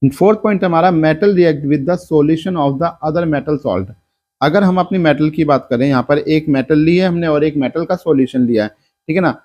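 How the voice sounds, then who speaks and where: Male, science teacher, lecture, higher voice, asks and answers his own questions. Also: moderate pace, a little mellow, highs cut off. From India. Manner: explains step by step, asks and answers his own questions, mixes in English terms. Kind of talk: classroom lecture.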